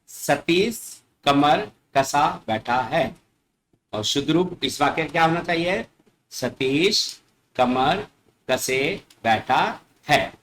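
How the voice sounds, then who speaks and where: A man teaching a class, slowly repeating each word for young pupils and answering his own questions. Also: on the high side, a bit bright, slight background noise, low-quality recording. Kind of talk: classroom lesson explaining word corrections.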